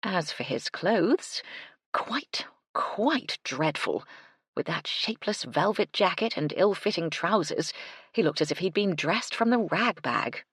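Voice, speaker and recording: A woman narrating a cozy mystery audiobook in a measured, expressive reading style. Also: fairly low pitch, slightly rough, dry recording, clean studio sound. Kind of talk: scripted narration.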